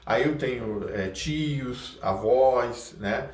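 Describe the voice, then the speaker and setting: A man's voice: mid-range voice, extremely slow, distant mic. A man from Rio de Janeiro with a Carioca accent, a voice actor talking casually as a podcast guest, hesitant with many restarts. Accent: Carioca Brazilian Portuguese. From Rio de Janeiro, Brazil. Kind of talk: casual interview chat. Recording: echoey room, a bit off mic.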